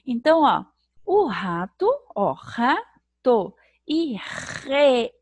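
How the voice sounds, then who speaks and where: A Brazilian woman teaching young children in a recorded video lesson, sounding out syllables slowly in a sing-song way. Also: on the high side, big pitch swings, darkish tone, dry recording. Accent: Brazilian Portuguese. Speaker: primary school teacher.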